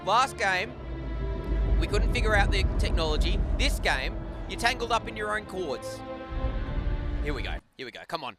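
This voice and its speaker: A man's voice: high voice, expressive, normal speed, over music. A man doing joking play-by-play commentary on a live hockey stream, bantering and laughing with his co-host. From Australia. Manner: chatty, banters and laughs often.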